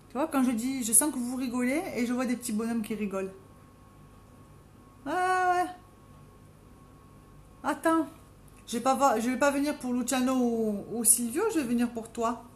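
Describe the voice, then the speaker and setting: A middle-aged woman with a Marseille accent chats through a live makeup stream from home. She talks to viewers by name and mocks herself. Her voice is strong and set a little high, with light noise behind it. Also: darkish tone. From Marseille, France. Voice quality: deep, strong voice. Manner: chatty, self-mocking, talks to viewers by name. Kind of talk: casual live-stream chat while doing makeup. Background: dogs playing now and then.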